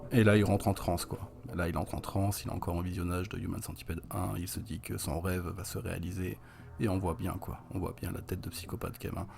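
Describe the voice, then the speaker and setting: A young man with a deep, gravelly voice walks through a horror film for a review. He talks in a chatty, wry way, full of fillers and little asides. His low voice has a rough texture. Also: little pitch movement, fairly quick, music in the background. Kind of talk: casual spoken film review.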